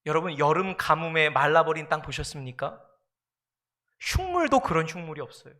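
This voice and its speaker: A man's voice: a little high, animated, moderate pace, bright, forceful tone. A male pastor preaching a sermon, speaking emphatically, repeating his phrases and addressing the congregation directly.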